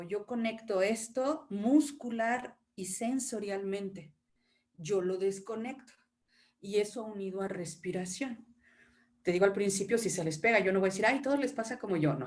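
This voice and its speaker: A woman, an acting teacher giving an animated panel talk with demonstrations and laughing asides over a video call. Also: medium pitch, normal speed. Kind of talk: panel presentation.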